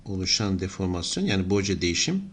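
A man's voice: low-pitched, very animated, fast, a little hiss or hum. A middle-aged man giving an engineering lesson, explaining steadily and thinking aloud as he writes. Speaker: engineering lecturer. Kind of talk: whiteboard lesson.

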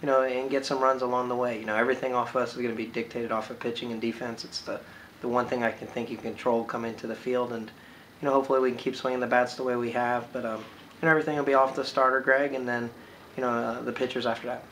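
A man in his thirties, a baseball coach giving a postgame interview, talking quickly and filling pauses with "you know". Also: mid-range voice, flat delivery, fairly bright tone, slight background noise, low-quality recording. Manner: filler-heavy, with frequent "you know"s. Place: indoor room by large windows.

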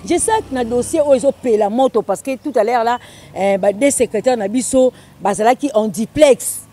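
A woman, an interviewer who asks steady questions and gives frequent murmured agreement. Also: fairly high pitch, normal speed.

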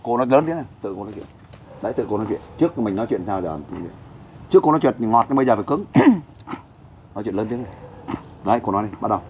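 A man's voice: fairly low pitch, very fast, long pauses, a little mellow, slight background noise. A man hosting a casual interview, talkative, blunt and coaxing. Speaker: host.

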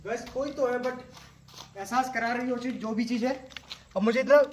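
A young man vlogging a night ghost hunt in a factory yard, calling out tensely into the dark. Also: very high voice, normal speed, reverberant, slight background noise.

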